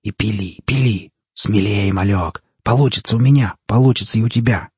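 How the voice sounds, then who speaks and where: A man's voice: fairly low pitch, normal speed, a little mellow, slightly rough, no room sound. A man voicing a cold, scheming male prisoner who hisses urgently through barely moving lips.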